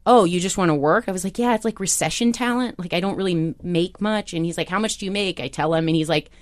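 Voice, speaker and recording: A woman chatting casually, telling a lively story and acting out the voices of the people in it. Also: lowish voice, fast talker, no echo. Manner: animated storytelling, acts out quoted voices. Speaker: TV show staffer turned on-air talent. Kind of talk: casual chat.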